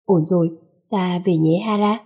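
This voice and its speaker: A woman voicing a possessive, commanding young male emperor in a read-aloud story, in a mellow, husky voice. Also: fairly low pitch, steady tone, a little slow. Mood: tender.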